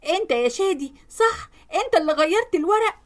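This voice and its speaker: A woman's voice: very high-pitched, animated, fast talker, pitched above the performer's own voice. A woman voicing a scheming, greedy older Egyptian mother-in-law who cries out indignantly. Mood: shrill outrage. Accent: Egyptian Arabic.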